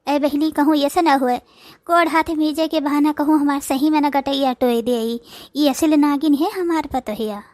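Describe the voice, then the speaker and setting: A woman's voice: high voice, normal speed, a little mellow, no room sound, studio quality, natural voice. A woman voicing a grumbling, suspicious old mother-in-law in a cartoon, speaking with an Awadhi accent. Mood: complaining. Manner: whiny, complaining, gossiping to the audience. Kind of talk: comic cartoon dialogue.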